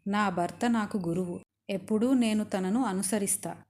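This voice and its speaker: Give me a stern captive queen lecturing a king, read by a woman storyteller, warm and mellow. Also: mid-range voice, moderate pace, natural voice. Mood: firm devotion. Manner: scolding, lecturing.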